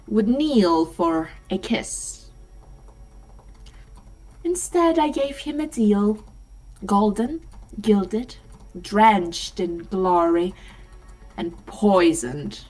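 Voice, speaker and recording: A woman's voice: medium pitch, poor audio. A woman voicing a proud, scornful old hag, speaking in a theatrical, gloating way as she tells her tale in a tabletop game. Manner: slow, theatrical, gloating storytelling. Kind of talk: dramatic in-character reading in a tabletop game.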